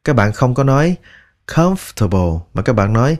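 A man teaching English pronunciation, drilling each word slowly and repeating it many times. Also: mid-range voice, animated, darkish tone. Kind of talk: slow, deliberate pronunciation lesson.

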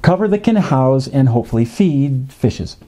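A man in his fifties explains fishing in a measured, educational way, with frequent "uh" fillers. He sits in a home office. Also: mid-range voice, expressive, mellow. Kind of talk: educational narration. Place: home office with a desktop computer.

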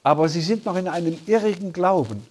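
A man with a somewhat raised, husky voice teaches scripture in a sermon. He speaks earnestly and explains step by step, pausing to check in with his listeners. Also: high-pitched, expressive. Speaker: Bible teacher. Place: conference hall.

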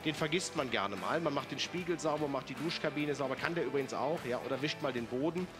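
A man's voice: mid-range voice, quick pace, music in the background. A man presenting an infomercial product demonstration in a chatty, persuasive way, putting questions to the viewers.

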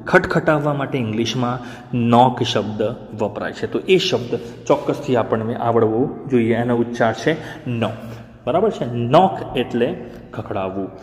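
Man spelling words out slowly in a reverberant room. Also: mid-range voice. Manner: spells words out slowly letter by letter, asks learners questions. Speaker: English teacher. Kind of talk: spoken language lesson.

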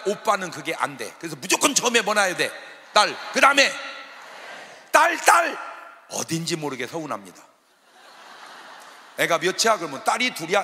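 An older male pastor gives a comic revival sermon in a bright, forceful voice that rings with long reverb through a large church hall. His pitch jumps around in a lively way, and he shouts when he acts out other people's lines. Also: slight background noise. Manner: joking, theatrical, acts out quotes with shouts.

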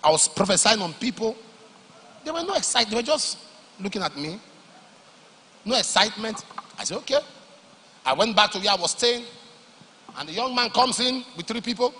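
A man preaching a sermon, moving between loud emphatic declarations and low, confiding storytelling. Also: very animated, a little fast, pauses often, slight background noise. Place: large church hall. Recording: long hall reverb.

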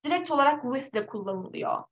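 A woman from Turkey teaching a live online English exam-prep lesson, lively and encouraging, with a slightly hoarse voice. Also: high voice, fast talker, muffled recording. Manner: lively, encouraging, reads out student names.

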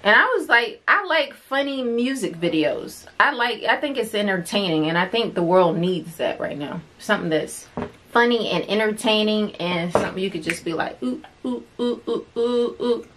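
A woman's voice: medium pitch, lively intonation, moderate pace, a bit bright, a little hiss or hum. A woman chatting casually for a vlog, teasing and laughing as she tells stories. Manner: teasing, laughs often, playful storytelling. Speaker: vlogger. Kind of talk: casual chat.

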